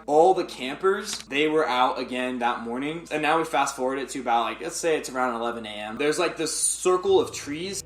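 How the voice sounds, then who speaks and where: A young man casually telling a personal story to his viewers, rambling and filling his speech with "like". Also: mid-range voice. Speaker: vlogger. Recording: roomy echo.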